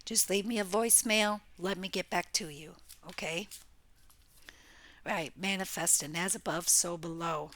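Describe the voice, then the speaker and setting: A woman's voice: lowish voice, measured pace, fairly bright tone. A woman doing a casual tarot reading for her viewers, blunt and exclaiming, with the odd curse. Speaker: tarot reader. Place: home room near a window.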